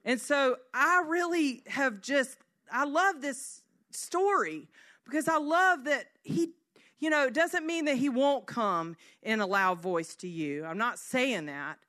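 A middle-aged woman, giving a conversational sermon as an animated storyteller who often asks "right?". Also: high voice, slow pace. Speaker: speaker at a church service.

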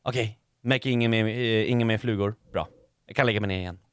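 A man telling an animated comic story as a podcast co-host, swearing a lot and mixing in English phrases. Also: on the low side, smooth, dry recording, clean studio sound.

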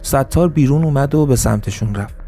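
A man narrating a story in a calm, even storytelling manner. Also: mid-range voice, faint music behind. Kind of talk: scripted narration.

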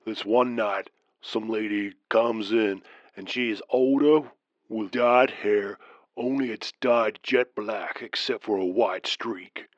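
A man voicing a trucker caller with a deep southern accent, telling a strange tale slowly in a hushed, drawling way. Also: dry recording, dull audio. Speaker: caller in a story. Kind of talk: storytelling narration.

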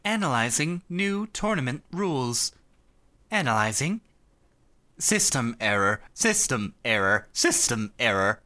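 A man's voice: medium pitch, sing-song, bright, forceful tone. A man doing a glitching rusty robot computer. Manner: halting, repeating robotic glitch. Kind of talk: podcast banter, putting on a voice.

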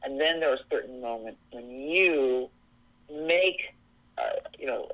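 A woman's voice: very deep voice, measured pace, a bit bright, low-quality recording. A woman from Seattle, speaking as an interview guest in an earnest, reflective way. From Seattle, USA. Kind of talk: interview conversation.

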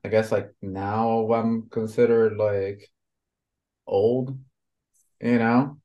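A man in his thirties who grew up in Honduras talks about tattooing in a loose, rambling way. His voice sits a little low, and he leans heavily on fillers as he goes. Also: little pitch movement, extremely slow, dark tone, lo-fi sound. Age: 30s. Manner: rambling, lots of fillers like "you know". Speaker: tattoo artist guest. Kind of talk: casual conversation.

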